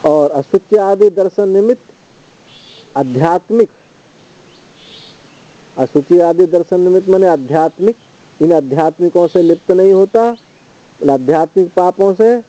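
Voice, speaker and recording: A man teaching as a swami, reciting Sanskrit verses and then explaining them in a measured, steady commentary. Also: fairly high pitch. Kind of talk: scripture study commentary. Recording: dull lo-fi recording.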